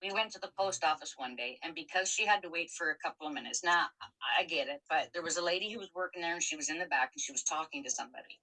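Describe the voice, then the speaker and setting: A woman's voice: sits low, quick pace, sharp tone, low-quality recording. A middle-aged woman telling a personal story in a candid, emotional, casual chat. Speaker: co-host.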